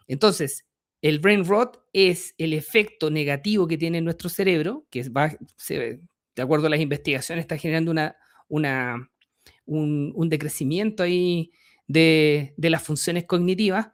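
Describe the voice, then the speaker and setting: A middle-aged man with a Chilean accent hosting a podcast, explaining ideas step by step and asking his listeners rhetorical questions. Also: a little high. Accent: Chilean Spanish. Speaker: podcast host.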